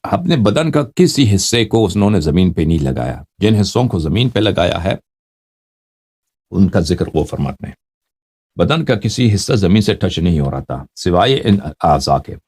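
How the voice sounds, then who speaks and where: A man with a deep, low voice teaching a religious text. He reads a line of Arabic, then explains it slowly and patiently, pointing to parts of his body and asking his listeners whether they follow. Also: big pitch swings, a little mellow, breathy edge.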